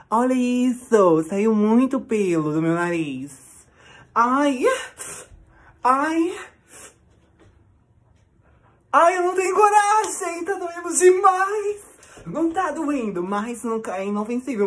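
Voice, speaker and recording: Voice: medium pitch, fairly bright tone. A performer playing a vain, theatrical woman vlogger in a comic sketch, fussing and chatting straight to the viewers. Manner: theatrical, fussy, talks to viewers as babies. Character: vain dramatic woman vlogger waxing her nose.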